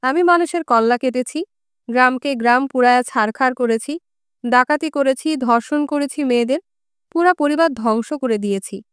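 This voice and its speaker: A woman's voice: sits high, normal speed, smooth, dry recording, clean studio sound, lightly acted. A woman voicing a coarse, brooding old Greek man who speaks in crude colloquial talk full of curses, in an audiobook reading.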